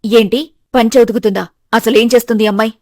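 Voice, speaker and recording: A woman voicing a stern, bossy middle-aged mother-in-law in an animated story, with a harsh, scolding manner. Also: on the high side, fast talker, no echo, studio quality, lightly acted.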